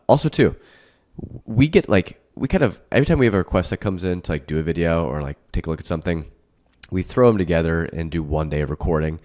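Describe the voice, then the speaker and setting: Host: young man, deep voice, laid-back reaction commentary. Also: a little mellow. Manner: casual, filler-heavy. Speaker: financial advisor host.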